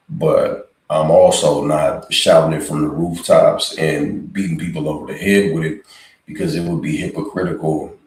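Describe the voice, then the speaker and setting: A man with an extremely deep, gravelly voice talks casually as a podcast host and tosses off joking remarks to the chat. His voice sits in a roomy space, picked up from away from the mic. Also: darkish tone, far from the mic. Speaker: podcast host reacting to clips. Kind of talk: casual commentary.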